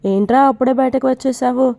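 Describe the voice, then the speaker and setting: A woman's voice: sits high, a little fast, vocal fry, warm tone. A woman voicing a young man, a joking friend who teases and protests. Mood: teasing. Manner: teasing. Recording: dull lo-fi recording.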